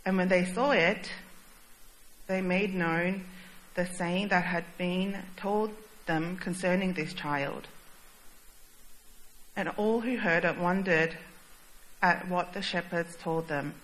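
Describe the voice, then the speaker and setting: A woman reading a scripture passage aloud in a steady, measured way. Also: on the low side, poor audio. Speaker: scripture reader.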